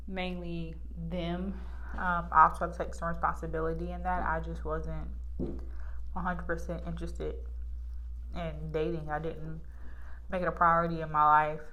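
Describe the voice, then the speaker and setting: A woman's voice: lowish voice, a bit bright. A woman in her late twenties chatting casually while doing her skincare at home, rambling with many fillers and restarts. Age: late 20s. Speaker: beauty vlogger.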